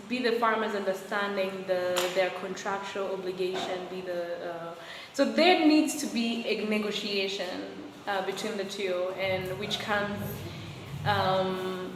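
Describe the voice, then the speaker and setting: Soft-spoken young Rwandan woman, echoey room. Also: medium pitch. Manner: thoughtful, with many fillers and restarts. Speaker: guest, coffee quality controller and roaster. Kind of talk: interview answers. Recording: echoey room with loud background noise.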